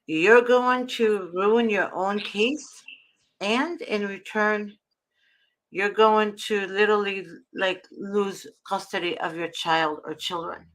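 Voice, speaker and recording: A woman's voice: mid-range voice, slow pace, fairly bright tone, poor audio. A woman hosting an advice show, talking with effort through toothache after dental work, explaining things in an earnest, emphatic way. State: swollen, sore mouth after a root canal, in pain, talking with effort. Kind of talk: earnest advice talk to viewers.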